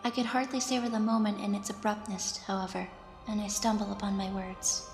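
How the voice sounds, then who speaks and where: A woman's voice: mid-range voice, little pitch movement, a little fast, natural voice. A woman playing an anxious, deferential young squire, hesitant and stammering, narrating her own thoughts in an audio drama. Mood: flustered, anxious. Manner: hesitant, stammering when addressed. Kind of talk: scripted first-person dramatic narration. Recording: roomy, reverberant, music behind.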